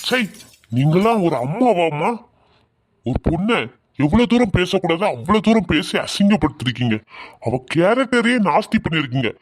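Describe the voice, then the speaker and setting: A man's voice: high-pitched, sing-song, normal speed. A man playing an angry young adult son who accuses his mother in a family drama skit. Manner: accusing, indignant.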